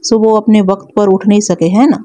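A woman's voice: medium pitch, fairly even intonation, dark tone, close to an everyday voice. A woman reading the part of a stern, sarcastic male police inspector who questions a suspect with threats. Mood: sharp.

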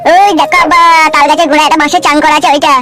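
A woman's voice: sits high, fairly even intonation, very fast, loud music behind the voice, lightly acted. Woman doing a whiny pleading cartoon son. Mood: plaintive. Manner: pleading, whining. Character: whiny disgraced young man, pleading son. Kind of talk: cartoon comedy voice acting.

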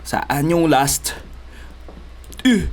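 A man doing let's play commentary, excitable, yelping and shouting in panic, mixing Tagalog and English. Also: on the high side, drawn-out words, slight background noise. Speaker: gaming YouTuber.

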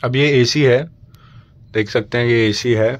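A man's voice: mid-range voice, unhurried, lo-fi sound. A young man from India, a cruise ship crew member, casually explaining his small cabin and bathroom step by step while filming on a handheld phone. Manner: explanatory, pointing things out step by step. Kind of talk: casual vlog tour.

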